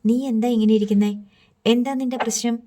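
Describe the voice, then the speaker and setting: A woman's voice: fairly high pitch, fairly even intonation, fast talker, warm tone, close to an everyday voice. A woman voicing a stern mother who scolds and defends herself to her grown daughter. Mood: scolding.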